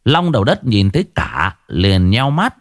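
Lively low-voiced male storyteller. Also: measured pace, dry recording, studio quality. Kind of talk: comic folk story narration.

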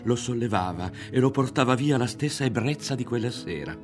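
A man narrating a literary novel in a dramatic, expressive reading with voiced characters. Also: mid-range voice, brisk, over music. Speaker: audiobook reader.

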